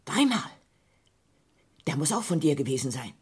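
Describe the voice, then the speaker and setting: An actress playing a sharp, sceptical sister in a surreal radio play, reproachful and insistent, with a husky voice. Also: female voice, sits low, very animated, normal speed, exaggerated voice.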